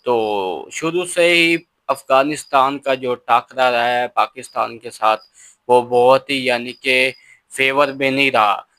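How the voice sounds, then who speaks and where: A man hosts a reaction video, talking in a chatty, casual way and urging viewers to subscribe. His voice is bright and sits at a middle pitch. The sound is dry and close. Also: slow, dry recording. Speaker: reaction channel host.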